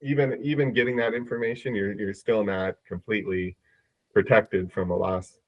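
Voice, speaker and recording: A man's voice: fairly low pitch, steady tone, moderate pace. A man with a Midwestern accent talking casually on a podcast, often repeating words as he thinks. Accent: Midwestern American. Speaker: podcast co-host. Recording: dull lo-fi dry sound.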